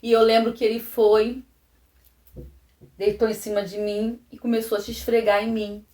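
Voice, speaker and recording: A woman with a Brazilian Portuguese accent giving a personal testimony to camera, halting and repeating phrases, often dropping to a soft low voice. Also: little pitch movement. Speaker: vlogger. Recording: roomy echo.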